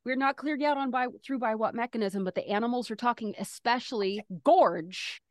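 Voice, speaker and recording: Higher-pitched woman chatting, dry sound. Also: moderate pace, no echo. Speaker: tabletop game player. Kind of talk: casual chat.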